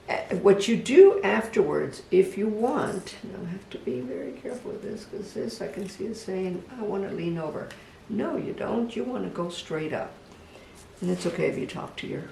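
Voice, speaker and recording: Gravelly creaky voice, gentle unhurried craft instructor, casual demonstration, echoey room, mic far off. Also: medium pitch. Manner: gentle, unhurried, talks to the project. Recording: echoey room, voice from a distance, faint background hum.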